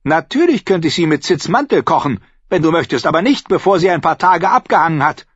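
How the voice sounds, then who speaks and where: Male narrator doing a towering, shrill innkeeper woman for an audiobook; bossy and scolding, husky edge. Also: very animated, a little fast, fairly bright tone, dry recording, dull audio, exaggerated voice.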